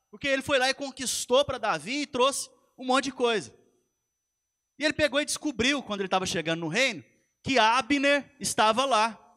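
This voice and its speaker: A male pastor delivers a sermon, his high and bright voice carrying the story with animation. He speaks straight to his congregation as he goes. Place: church.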